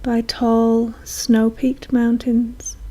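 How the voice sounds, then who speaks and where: Soft, calm meditation music sits behind a woman leading a guided meditation. Her voice is on the high side, hushed and soothing, with long pauses between phrases.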